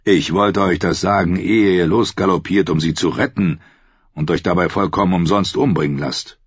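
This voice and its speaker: Man reading as a cynical, mocking knight, deep and husky, dry sound. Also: steady tone, moderate pace, no room sound. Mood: sardonic. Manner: dry, sardonic. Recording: dry, slightly dull studio audio.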